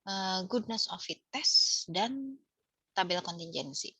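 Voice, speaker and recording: A woman with an Indonesian accent teaching a statistics class, explaining step by step, quizzing students and filling pauses with "eh". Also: medium pitch, expressive, sharp tone, slightly rough, no echo. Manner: explanatory, asks students questions, many fillers. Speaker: statistics lecturer. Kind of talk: online class lecture.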